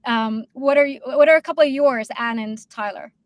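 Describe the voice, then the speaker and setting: A woman's voice: high voice, moderate pace, no echo, dull audio. A woman hosting a casual panel discussion, speaking in long, rambling sentences with many fillers. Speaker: host.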